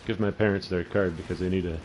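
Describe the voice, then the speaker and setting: Man, very low voice, crude rambling gameplay commentator. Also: fairly even intonation, quick pace, a little mellow, slight background noise, low-quality recording. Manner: crude, profane, rambling storyteller. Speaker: gaming channel host.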